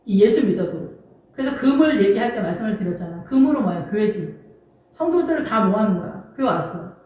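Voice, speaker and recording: A woman's voice: medium pitch, expressive, fairly quick, warm tone. Woman pastor preaching in echoey hall. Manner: emphatic, conversational preaching with rhetorical questions. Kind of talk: sermon. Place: church. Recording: distant mic in an echoey church hall.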